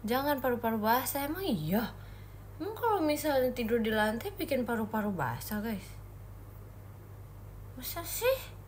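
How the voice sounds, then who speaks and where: A woman's voice: fairly high pitch, pushed and bright, a little hiss or hum. A young woman from Indonesia chatting casually on a phone livestream, answering viewer comments in a playful, giggly way.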